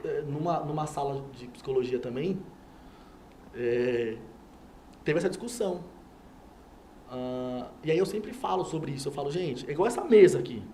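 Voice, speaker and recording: A man's voice: a little high, expressive, moderate pace, pauses often, dark tone, slight background noise. A man, a guest on a TV talk show, telling a personal faith story and acting out everyone's lines. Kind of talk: animated personal testimony. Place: TV studio.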